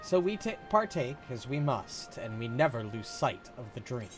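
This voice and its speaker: A man's voice: mid-range voice, big pitch swings, normal speed, music in the background, natural voice. A man voicing a weary, dutiful male soldier from a video game in an earnest, plain-spoken way. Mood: earnest, apologetic. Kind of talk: video game dialogue read aloud in character.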